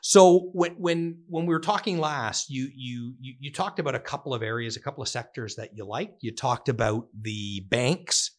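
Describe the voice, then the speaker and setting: A man hosting a casual podcast interview, framing his questions in a halting way with repeated words. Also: mid-range voice.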